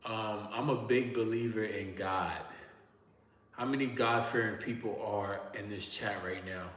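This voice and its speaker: Seated in a creaky chair indoors, a man from Miami, Florida, speaks straight to his livestream viewers in a loose, slangy, profane way with his Miami accent. His voice sits lowish and a bit bright, and the echoey room adds a long reverb.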